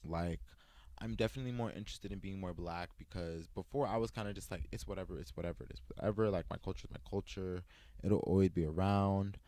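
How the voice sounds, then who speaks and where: A young American vlogger shares personal stories in a casual sit-down chat, animated and playful, quoting himself in a higher voice. He talks fast, and the recording is dry.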